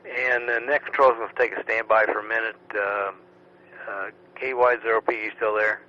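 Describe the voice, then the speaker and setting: A man running an amateur radio net as net control, steady and routine, heard through a radio transmission. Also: lowish voice, moderate pace. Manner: steady, routine call-and-response. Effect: amateur radio transmission with static. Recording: muffled radio signal with faint static.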